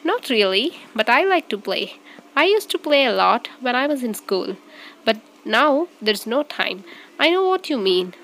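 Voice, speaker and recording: A woman reading both parts of a short scripted English practice dialogue, clearly and evenly. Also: on the high side, a bit bright, slight background noise. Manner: reads both parts of a short dialogue, repeated at varied speeds.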